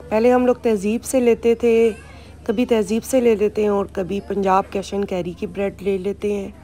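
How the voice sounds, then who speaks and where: Filming on her phone in a supermarket, a Pakistani woman vlogger narrates her grocery shopping casually, explaining items and their prices. She speaks at a moderate pace in a mid-range voice with a level, dark tone.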